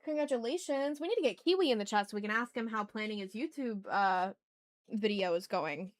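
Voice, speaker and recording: Chatting casually with viewers on her art livestream, this woman speaks fairly quickly in a mid-range voice, using loose, slangy language. She's recorded on a sensitive ASMR mic.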